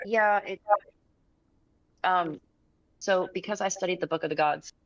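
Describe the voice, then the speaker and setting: A woman playing a tabletop game, chatting casually and haltingly over a dull online call that cuts out. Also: lowish voice, no room sound.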